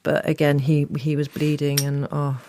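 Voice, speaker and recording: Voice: mid-range voice, completely flat delivery, normal speed, darkish tone, a little hiss or hum. A podcast host, talking in a chatty, emotional way and restarting phrases. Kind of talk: chatty interview.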